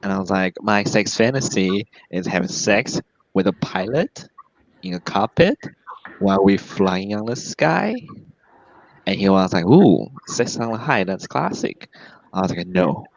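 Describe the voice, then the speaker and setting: Man doing stand-up, lively pitch. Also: measured pace, vocal fry, dull audio. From Taiwan. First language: Mandarin Chinese. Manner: laughs at his own jokes, voice jumps high for punchlines. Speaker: stand-up comedian. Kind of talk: stand-up comedy set.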